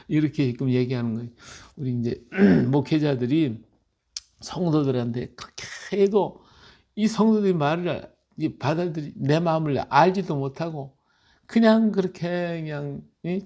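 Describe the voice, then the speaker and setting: A man's voice: on the high side, dark tone. A male pastor giving a conversational Bible-reading sermon, telling stories emphatically and often checking with his listeners. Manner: emphatic, storytelling, asks listeners "right?".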